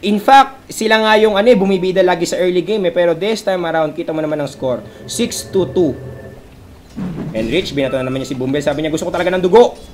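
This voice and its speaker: A Filipino man commentates an esports match in a high, light voice. He moves from relaxed breakdowns of the game to bursts of shouting, and he jokingly voices what the players might be saying. A faint hum of noise sits under the recording. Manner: switches fast between calm analysis and excited shouting, voices players' lines.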